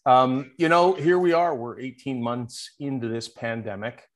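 A man with a medium-pitched, unhurried voice is being interviewed as a guest over a remote call. He is the founder of a connection project and speaks in an earnest, upbeat manner throughout the conversation.

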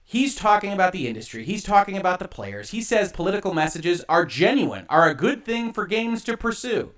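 A man's voice: high-pitched, sing-song, fairly bright tone. A man hosting a commentary show, reading an article aloud and rebutting it emphatically, his voice echoing on the stream. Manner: argumentative, emphatic, with pointed pauses. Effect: echoing on the stream audio. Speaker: host of a games and law commentary show. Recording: echoey livestream audio.

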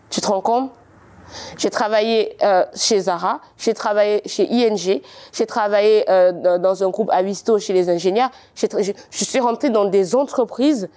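A young woman from Cameroon with a slightly faded Cameroonian French accent, a guest telling her story in a lively, teasing and insistent way. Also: mid-range voice. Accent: Cameroonian French, partly faded. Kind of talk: casual interview talk.

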